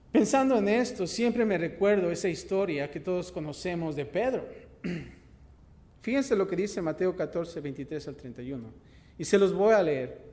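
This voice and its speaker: In a church sanctuary, a male pastor with a high voice preaches a sermon and reads scripture, his voice swelling loud and then dropping soft. He poses rhetorical questions to the congregation, and the sound carries like a large hall.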